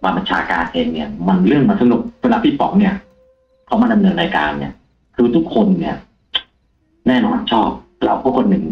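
Man, low voice, lively storytelling, echoey muffled stream audio. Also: a little fast, creaky. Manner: animated, acts out the quoted lines himself. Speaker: guest storyteller, taxi driver. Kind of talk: telling a ghost story on a live talk show.

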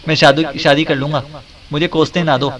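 A man's voice: mid-range voice, steady tone, moderate pace, a bit bright, close to an everyday voice. A man reading as a whining, begging servant. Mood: pleading. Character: pleading, superstitious male servant.

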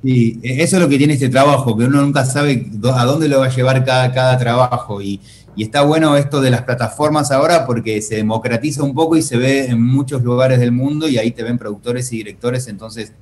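A man with an Argentine accent, an actor speaking as an interview guest in a relaxed, chatty way, often restarting his phrases. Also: medium pitch, brisk. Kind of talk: casual interview.

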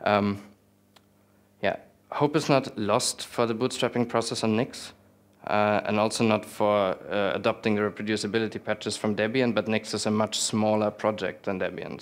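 A young man presents a technical talk at a meetup in a small indoor lecture room. His voice sits a little low, and he speaks in a relaxed way with frequent ums, restarts and a dry sense of humor. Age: young adult. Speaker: conference speaker.

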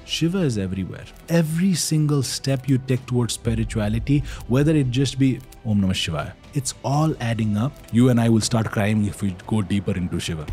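A man in his twenties from Nepal, a guest on a podcast, answering calmly and reflectively into a studio mic. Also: lowish voice. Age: 20s. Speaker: spiritual guest. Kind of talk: interview answers. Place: studio set with shelves, indoors. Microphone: desk-mounted podcast mic.

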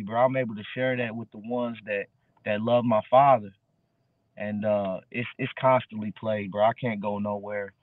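A man's voice: mid-range voice, dry recording. Man in his thirties on a tinny call. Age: early 30s. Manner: laid-back street slang, fillers like bro. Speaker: guest musician. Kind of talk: casual interview chat. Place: dark room at home. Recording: dry, tinny phone-like video call.

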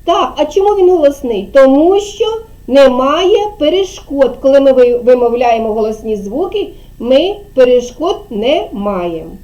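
A preschool teacher with a high, warm voice leads a kindergarten class. She speaks slowly and patiently, stretching out words so the little ones can follow. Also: big pitch swings, rough recording. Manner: slow, patient, drawn-out words for children. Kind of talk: teaching young children.

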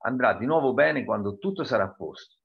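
A man's voice: medium pitch, animated, fairly quick, gravelly, husky, phone-quality sound. A man voicing a weary, stressed mother who insistently scolds her son, in a storybook reading. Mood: tired, coaxing. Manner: insistent, nagging.

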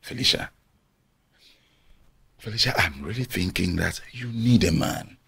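An actor playing a scheming, smooth-talking man with a Nigerian English accent, chuckling and coaxing with an oily charm. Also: low voice, a little slow, a bit bright, heavily acted. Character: scheming smooth-talking middle-aged man, wealth-hungry. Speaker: family friend, widower-seeking suitor. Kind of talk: film drama dialogue.

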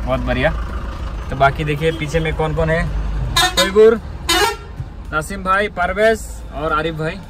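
A man's voice: on the high side, unhurried, long pauses, very noisy. Chatty young man vlogging on a phone. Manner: chatty, addresses viewers as guys, upbeat. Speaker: travel vlogger. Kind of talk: casual travel vlog narration. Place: inside a car, then outdoors at a scenic viewpoint. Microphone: phone camera held at arm's length.

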